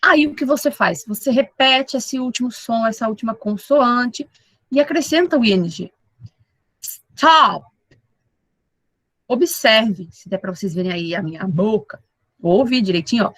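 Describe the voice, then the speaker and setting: A woman teaching an English class online, with slow explanations, repeated model words and frequent checks with her students. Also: on the high side, no echo, poor audio. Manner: checks in with the class often with tag questions.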